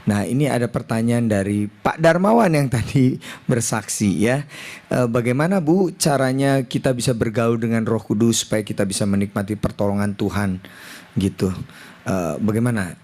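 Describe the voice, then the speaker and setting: A man's voice: medium pitch, moderate pace, darkish tone. A man hosting an online service, casually passing a question to the preacher over a video call. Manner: casual, relaying questions with fillers. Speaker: service host.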